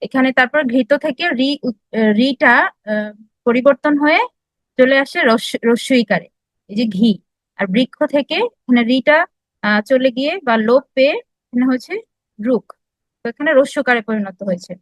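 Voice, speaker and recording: A woman giving a classroom lecture, explaining step by step, asking her listeners questions and pausing often with filler sounds. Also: high voice, no room sound, rough recording. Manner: explanatory, frequent filler sounds and restarts, asks the audience questions. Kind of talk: classroom lecture on language history.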